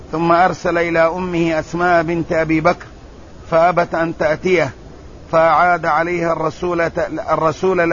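Male hadith teacher, high-pitched, measured and deliberate, muffled lo-fi recording. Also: a bit bright. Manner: measured, deliberate delivery with repeated phrases. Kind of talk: religious lesson, reading and explaining hadith. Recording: muffled, slightly lo-fi with faint ambient noise.

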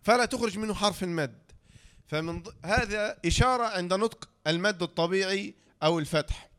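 A man with an Egyptian accent teaching a tajweed lesson, who asks the class questions, answers them himself, and slowly draws out the example sounds. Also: high voice, fairly bright tone, clean tone. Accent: Egyptian Arabic. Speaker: Quran recitation teacher.

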